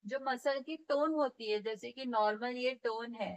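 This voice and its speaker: A woman's voice: fairly high pitch, a little slow, poor audio. A woman teaching physiotherapy in a step-by-step classroom lecture, often checking in with her students and demonstrating movements as she explains.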